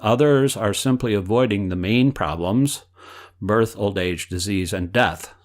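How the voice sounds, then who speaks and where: A man reading aloud the answers of an elderly male spiritual teacher, in a measured way that speaks the quote marks aloud. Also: fairly low pitch, close to an everyday voice. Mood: explaining.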